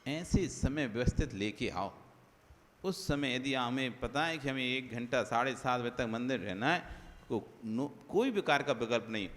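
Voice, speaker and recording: A man's voice: mid-range voice, lively intonation, moderate pace, a bit bright, a little hiss or hum. A man giving a conversational sermon as a Jain monk, listing examples one after another and asking rhetorical questions. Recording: long hall reverb.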